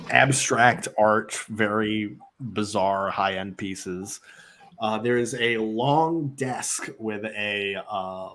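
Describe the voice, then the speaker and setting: A man narrating as the game master of a tabletop game, relaxed and rambling with many fillers. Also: on the low side.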